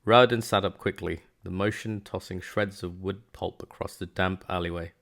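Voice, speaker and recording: Man, deep voice, gravelly, steady amateur audiobook narration. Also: moderate pace. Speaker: hobby book reader.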